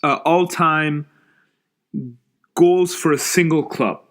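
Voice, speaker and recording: Young man with a slightly higher voice talking football. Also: steady tone, fairly bright tone. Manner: easygoing, quick agreeing interjections. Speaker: podcast co-host. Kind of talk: casual sports chat.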